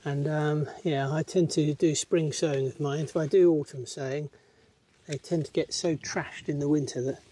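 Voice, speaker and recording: A man's voice: on the high side, steady tone, moderate pace, warm tone, a little hiss or hum. A man talking casually while he works his allotment plot, thinking aloud with plenty of fillers. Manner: chatty, easygoing, thinks aloud with many fillers. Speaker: allotment gardener, channel host. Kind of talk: casual narration while gardening.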